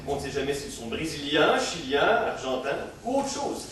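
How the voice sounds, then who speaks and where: A man's voice: on the high side, very animated, normal speed, fairly bright tone. An actor playing an evasive, glib husband who chats and laughs his way around questions, on an echoey, distant recording. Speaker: husband in a comic sketch. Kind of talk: old-time recorded comic dialogue. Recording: distant, echoey, faint hiss.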